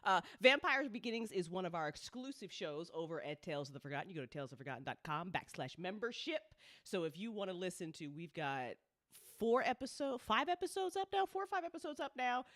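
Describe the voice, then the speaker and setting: Very animated and quick, this woman's lowish, slightly bright voice carries her casual live-stream chat as host of an audio drama listening party. The co-founder, writer, and director keeps it playful, informal, and freely sweary, recorded at studio quality without echo.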